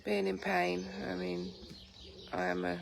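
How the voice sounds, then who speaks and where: She's a sleepy English vlogger with a Lincolnshire accent, greeting viewers live from her garden in the morning. Lowish and croaky from just waking, she speaks unhurriedly and rambles with many ums. The outdoor phone recording is noisy with loud birdsong and a light breeze.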